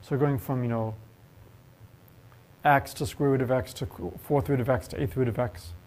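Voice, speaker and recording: This male math professor speaks at a medium pitch and a moderate pace during a university lecture. His manner is lively, and he asks the class questions and jokes with students in the lecture hall.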